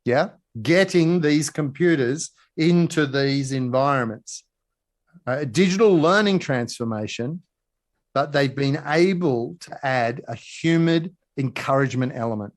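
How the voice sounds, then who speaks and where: A man giving a motivational leadership talk, telling a story in a lively way and acting out the quotes. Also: medium pitch, measured pace. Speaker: speaker at a leadership session.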